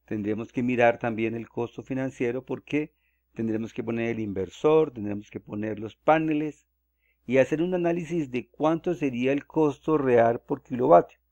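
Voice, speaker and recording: A man from Colombia, calmly walking through cost calculations step by step in a screen-recorded tutorial. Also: medium pitch, dry recording, muffled recording. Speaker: solar energy explainer.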